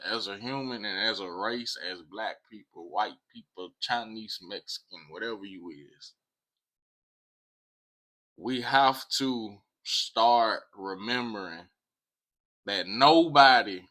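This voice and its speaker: A man's voice: fairly low pitch, bright, forceful tone. An American man talking casually to viewers in an emphatic way, repeating phrases and swearing freely. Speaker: vlog host.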